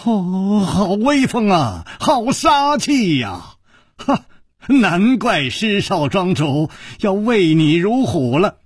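A male storyteller voicing a witty young swordsman hero who speaks in a slow, airy, teasing way, in a traditional storytelling style. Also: sits high, sing-song, slightly rough, dry recording, clean studio sound, exaggerated voice. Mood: breezy teasing. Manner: airy and teasing, drawn-out lines.

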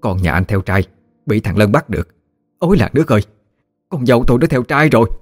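A male storyteller voicing a shrill, accusing village mother-in-law in an audiobook story. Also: sing-song, a little fast, no room sound, studio quality, faint music behind. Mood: wailing. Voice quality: shrill, wailing. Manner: accusing, theatrical outbursts.

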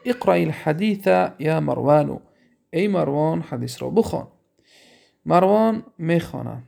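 A man with a Tajik accent teaching grammar in a classroom lesson, reading phrases slowly and then explaining them quickly with questions to his listeners. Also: a little high, animated, gravelly, dark tone. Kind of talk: classroom lesson explaining Arabic text in Persian.

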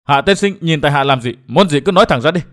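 A man doing a loud, stammering young swordsman. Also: on the high side, lively intonation, fast, natural voice. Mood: blunt. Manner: loud, stammering when flustered. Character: blunt simple-minded young male martial disciple.

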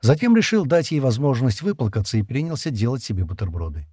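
A man reads an audiobook chapter with a lively, expressive pitch. His voice is a touch husky, recorded close and dry. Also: quick pace, no room sound. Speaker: audiobook narrator. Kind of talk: scripted narration.

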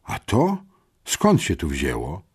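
A man's voice: deep voice, huge pitch swings, takes it slowly, a little mellow, breathy edge, heavily acted. A man voicing an angry young farm girl who is the older sister, speaking sharply and irritably. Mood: agitated.

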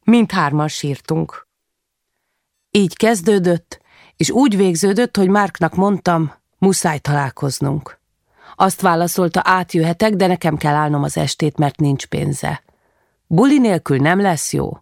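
A woman narrating a first-person literary novel as an audiobook, in a measured, subdued, confessional way. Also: fairly low pitch, creaky, no echo, studio quality.

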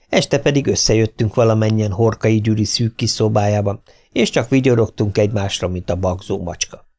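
A man reading a first-person sports memoir aloud as an audiobook, with dry humor and lively voiced quotes. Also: on the low side, creaky. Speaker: audiobook narrator.

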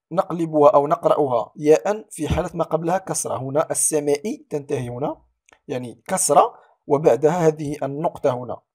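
A man teaching the rules of Quran recitation to students. He sounds out each example slowly and then contrasts it with the wrong reading. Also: a little high, a little mellow, breathy edge. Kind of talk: explaining tajweed rules to students.

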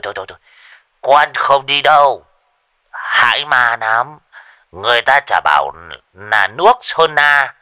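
A man's voice: clear, resonant tone, no echo, exaggerated voice. A man doing a rowdy, boastful old man. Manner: shouting, high and laughing.

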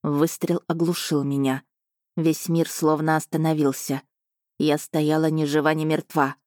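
A woman's voice: sits low, level tone, measured pace, darkish tone, no echo, clean studio sound. A woman reading a first-person fantasy novel aloud as narrator. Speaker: audiobook narrator.

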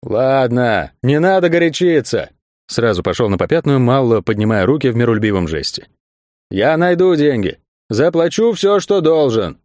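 A man's voice: mid-range voice, lively intonation, normal speed, darkish tone, no echo, studio quality, natural voice. A man voicing a greedy, scheming circus owner who blusters indignantly. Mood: placating.

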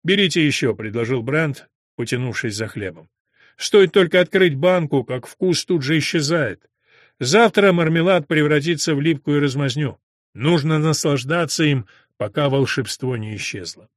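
A man's voice: expressive, normal speed, no echo, clean studio sound. A man narrating a story in the first person, lifting his voice a little for the characters' lines. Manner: reads character lines with small shifts in pitch and loudness. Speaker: audiobook narrator. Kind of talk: scripted narration.

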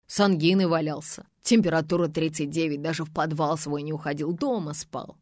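A woman reading aloud, voicing a gruff, scornful old man who defends his son. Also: low-pitched, steady tone, fairly quick, darkish tone, no echo, clean studio sound. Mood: gloomy.

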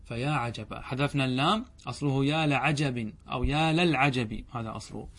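A man, a sheikh, giving a classroom lecture on a grammar text. He reads a passage, explains it, asks questions and answers them himself, and repeats examples slowly. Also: mid-range voice, fairly bright tone. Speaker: sheikh teaching Arabic grammar.

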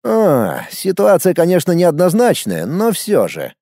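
A man's voice: high voice, wildly swooping pitch, unhurried, creaky, mellow, dry recording, studio quality, pitched above the performer's own voice, exaggerated voice. A man voicing a smug, nosy young man who thinks he knows all about women, talking with sarcastic, insistent teasing. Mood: sly. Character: smug, nosy young man, self-styled ladies' expert.

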